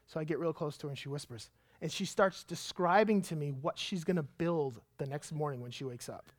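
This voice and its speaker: A man in his thirties, a pastor, preaching a sermon and telling a lively personal story with emphatic delivery. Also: on the high side, a little fast, no echo, studio quality.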